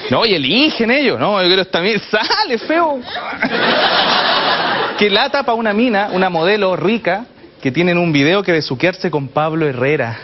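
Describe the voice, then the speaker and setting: A man's voice: high voice, animated, moderate pace. A man with a Chilean accent doing a mocking stand-up comedy routine on stage. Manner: mocking, sings song lines in exaggerated voices. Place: comedy stage before a live audience. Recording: muffled live show recording, loud crowd and noise.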